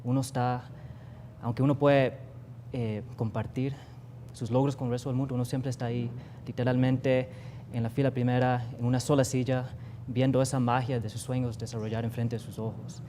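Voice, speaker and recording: In a televised studio interview, a young Costa Rican guest artist, accented in Costa Rican Spanish, reflects earnestly while leaning on plenty of fillers. His medium-pitched voice is warm and level at a moderate pace, with a little hiss or hum in the audio.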